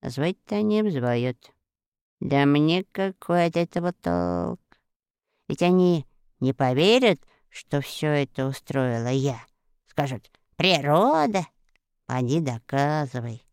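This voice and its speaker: A woman voicing an imperious, vengeful giant sorceress who schemes aloud in a lower, altered voice. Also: animated, slow, darkish tone, clear, resonant tone, no echo, studio quality, full character voice. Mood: scornful. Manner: commanding, scheming, mutters to herself.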